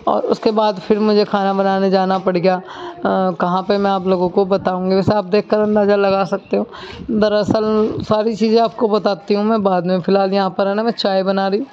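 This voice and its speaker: A woman's voice: mid-range voice, flat delivery, moderate pace, darkish tone, lo-fi sound. A young woman chatting casually while cooking in her home kitchen, rambling with many asides. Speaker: village vlogger.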